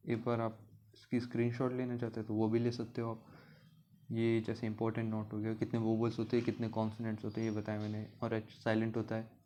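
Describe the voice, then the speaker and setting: A man teaching a language lesson in a casual, patient way, slowly repeating example words and often checking in with his viewers. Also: fairly low pitch, completely flat delivery, dark tone, slight background noise.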